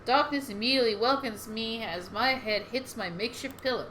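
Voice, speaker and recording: A woman reading a horror game's narration aloud in a soft, measured way. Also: a little high, a little hiss or hum, low-quality recording.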